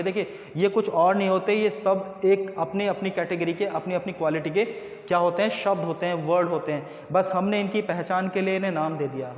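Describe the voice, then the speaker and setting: A man teaching an English grammar lesson. He asks the students questions, answers them himself, and drills pronunciation slowly. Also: high-pitched. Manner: slow, drawn-out pronunciation drills. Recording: echoey, dull room recording with faint noise.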